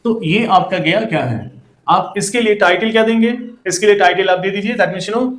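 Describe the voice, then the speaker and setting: A man's voice: high voice, moderate pace, roomy sound. A male teacher giving an explanatory lecture, mixing English phrases into his teaching and often repeating "that means, you know.". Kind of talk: classroom lecture.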